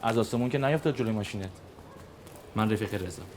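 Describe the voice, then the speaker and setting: Guy playing bossy friend barking orders, lowish voice, noisy background. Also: darkish tone, natural voice. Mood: gruff. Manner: brisk, commanding. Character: bossy male friend, takes charge. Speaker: injured man's friend and coworker.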